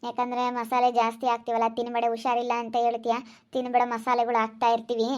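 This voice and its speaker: A woman playing a brisk, gossipy food-stall keeper in an amateur village skit. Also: fairly high pitch, monotone, a little mellow, close to an everyday voice. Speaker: egg-rice stall owner.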